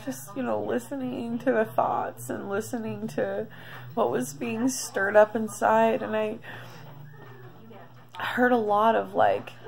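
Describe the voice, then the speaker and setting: A woman in her thirties talking through a confessional video diary, emotional and close to tears, halting with many pauses. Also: a little high, steady tone, vocal fry. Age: 30s. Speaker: vlogger.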